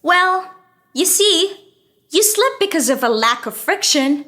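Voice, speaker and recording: A woman's voice: extremely high pitch, expressive, slow, sharp tone, exaggerated voice. A woman playing a knowledgeable, teasing young female friend who patiently explains science in an educational audio drama. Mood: patient, explanatory.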